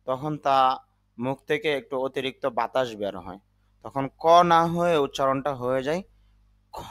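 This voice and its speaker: A man's voice: medium pitch, fairly bright tone. A man teaching English vocabulary, carefully spelling and sounding out each word. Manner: spells and sounds out words deliberately. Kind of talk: slow vocabulary lesson in Bengali.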